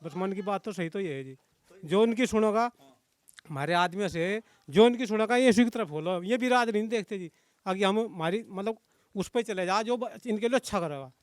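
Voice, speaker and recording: A man with a high, smooth voice answering a street interview, rambling as he explains himself. He often starts sentences over. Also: moderate pace, no echo. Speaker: villager interviewed.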